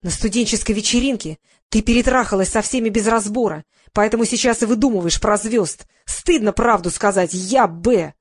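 A furious thirteen-year-old girl hurls accusations and mockery at her mother, as a woman reads her part. Her tone is sharp and contemptuous, a storybook figure. The recording is close and dry. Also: medium pitch, normal speed, dry recording, natural voice. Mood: mocking. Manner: accusing, mocking.

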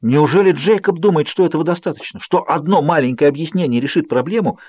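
A man narrating an audiobook in an expressive, measured first-person reading. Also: on the high side, husky, dry recording, highs cut off. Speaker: audiobook reader.

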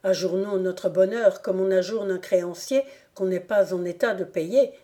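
A woman's voice: mid-range voice, normal speed, warm tone, close to an everyday voice. Impetuous young lover, read by a woman. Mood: bitter. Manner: passionate, exclamatory. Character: impetuous young man in love. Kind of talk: audiobook character reading.

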